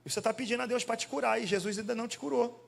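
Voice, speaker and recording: A man's voice: extremely high pitch, rapid-fire, vocal fry. Man, pastor preaching, conversational and questioning, long church hall echo. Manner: animated, conversational, asks the crowd questions. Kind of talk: sermon.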